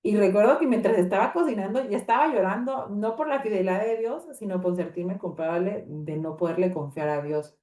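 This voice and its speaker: A woman sharing a personal faith testimony, storytelling animatedly, acting out dialogue and filling pauses often. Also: medium pitch, warm tone, far from the mic. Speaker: women's ministry speaker. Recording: roomy echo.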